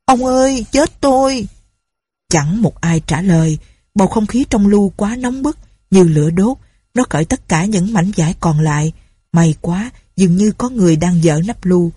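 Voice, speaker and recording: A woman reading an audiobook story in a steady storytelling manner. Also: fairly low pitch, moderate pace, breathy edge, no echo. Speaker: narrator. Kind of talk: audiobook narration.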